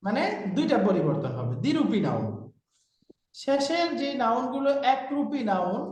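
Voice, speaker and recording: A man's voice: extremely high pitch, big pitch swings, normal speed, darkish tone. A man teaching an online class, patiently repeating each term for students to echo. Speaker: Arabic grammar teacher. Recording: very echoey room.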